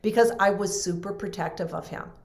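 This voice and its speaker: A woman's voice: mid-range voice, fairly quick, a little mellow, echoey room. A woman in an interview telling an emotional personal story earnestly, acting out what others said. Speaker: guest. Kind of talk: casual storytelling in a podcast interview.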